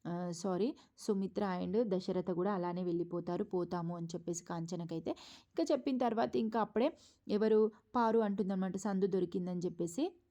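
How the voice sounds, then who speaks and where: A woman's voice: medium pitch, a little fast, mellow. A woman casually retelling a TV serial episode in a chatty way, full of fillers. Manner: chatty, many fillers, acts out quotes. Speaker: TV serial reviewer.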